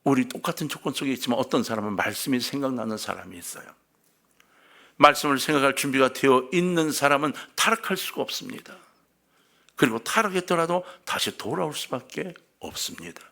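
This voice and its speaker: A male pastor delivering a sermon as animated storytelling, his pitch swinging widely. His voice is fairly high, bright and gravelly, and he moves from hushed asides to emphatic, raised passages.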